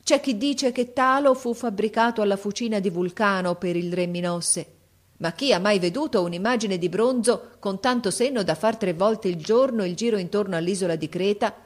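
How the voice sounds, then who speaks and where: A woman's voice: medium pitch, moderate pace, natural voice. Lady reading as a confused boat pilot guy, rambles on, storybook reading. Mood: puzzled. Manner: wondering, rambling speech. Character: male ship's pilot, puzzled, talkative.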